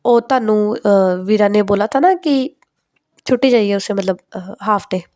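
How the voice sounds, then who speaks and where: A woman's voice: mid-range voice, darkish tone, close to an everyday voice. Woman voicing a pushy mother. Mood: chatty. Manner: insistent, scolding, rapid. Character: nagging middle-aged Punjabi mother.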